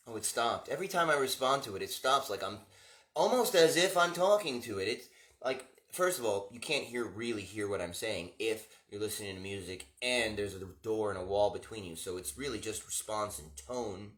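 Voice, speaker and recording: A man's voice: lowish voice, normal speed, a bit bright. A man rambling wryly in a monologue, as if talking to himself. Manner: wry, rambling, talks to himself. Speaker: vlogger. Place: room indoors. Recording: roomy echo.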